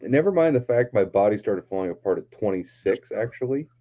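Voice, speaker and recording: A man's voice: lowish voice, animated, fairly quick. A man in his late twenties hosting a casual chat show, joking and swearing freely with his friends. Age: 20s. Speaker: podcast host. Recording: dull lo-fi sound with faint noise.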